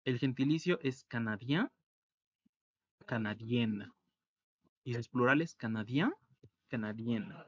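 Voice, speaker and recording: A man teaching a French lesson online, explaining slowly and repeating each word. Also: mid-range voice, animated, no echo, dull audio. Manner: slow, careful explanation, repeating words.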